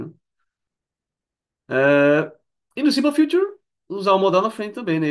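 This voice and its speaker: A man with Portuguese as his first language explains English grammar in a chatty lesson, tagging phrases with frequent questions. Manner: chatty, frequent "né?" tag questions, lively swings in pitch. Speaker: English teacher.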